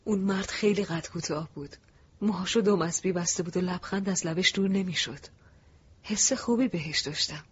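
A man narrating a first-person audiobook in a soft, reflective, emotive way. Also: high voice, breathy edge. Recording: dull lo-fi recording.

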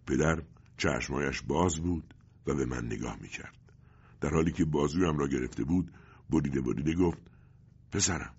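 A man narrating a story in a steady, grave storytelling manner, with a muffled recording. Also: very deep voice, creaky, husky. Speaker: audiobook narrator.

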